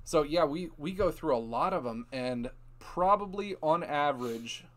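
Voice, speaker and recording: A man from Ohio hosting a casual live stream, telling lively dealership stories with frequent laughs. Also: on the high side, moderate pace. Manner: animated storytelling, laughs often. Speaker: host.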